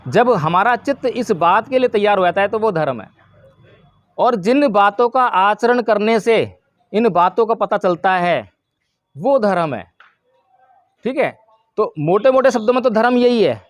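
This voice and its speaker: A man with a high voice gives a Buddhist sermon to a village gathering. He keeps asking the crowd questions and answers them himself. The sound is close and dry, with no echo. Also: animated, unhurried, pauses often. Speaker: Buddhist preacher. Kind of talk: dhamma talk to a village gathering.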